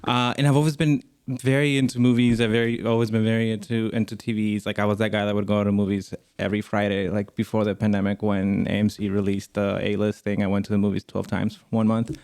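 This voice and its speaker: A young man from Guatemala, a podcast guest, talking in a relaxed, earnest way with many fillers. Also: fairly low pitch, fast, clean tone. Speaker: podcast guest, network assistant. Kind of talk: casual interview chat.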